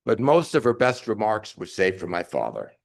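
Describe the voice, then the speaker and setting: A man's voice: fairly low pitch, wildly swooping pitch, gravelly. A man in his sixties giving an emotional, wry eulogy for his mother at a funeral service. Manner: emotional, wry, measured delivery. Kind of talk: memorial eulogy.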